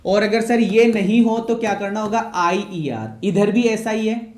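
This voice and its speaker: A man's voice: sits high, measured pace, a little mellow. A male teacher, giving a lecture, repeating each point and answering his own questions. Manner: repetitive, asks questions and answers them himself. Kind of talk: classroom-style lecture. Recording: echoey room.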